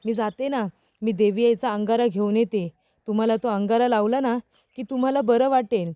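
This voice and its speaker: A woman's voice: fairly high pitch, steady tone, moderate pace, warm tone, no echo, close to an everyday voice. A woman voicing an anxious, devout young wife who pleads and asks worried questions. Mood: soothing.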